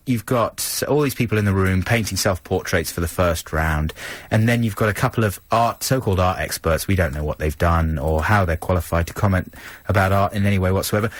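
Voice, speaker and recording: A man's voice: lowish voice, brisk, dry recording. A man in his thirties co-hosting a radio show, bantering sardonically in a studio. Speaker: radio co-host. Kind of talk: casual chat on a radio show. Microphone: studio microphone.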